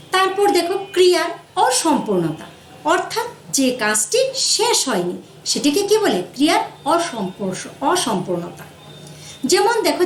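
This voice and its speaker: A woman from Bangladesh teaches a recorded grammar lesson, putting questions to her pupils and repeating key phrases. Her voice sits high and moves in wide swings. The room is echoey, with a faint hum of ambience behind her. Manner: questions the class and repeats key phrases, rising then falling.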